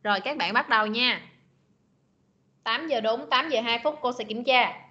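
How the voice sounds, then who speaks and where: A woman teaching an online class, patiently repeating words slowly to model pronunciation. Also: fairly high pitch, sharp tone. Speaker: English teacher. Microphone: video call. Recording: lo-fi video meeting recording.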